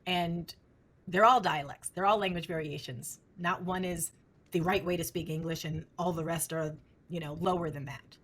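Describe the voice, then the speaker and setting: A middle-aged woman researcher answering interview questions in an animated, emphatic way, often posing rhetorical questions. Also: on the low side, moderate pace. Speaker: speech language researcher.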